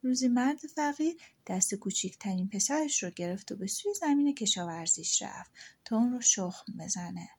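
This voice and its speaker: A woman narrating a folk tale for an audiobook, in a steady storytelling voice at an ordinary mid pitch. Her reading is soft and at times drops to a hush. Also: breathy edge.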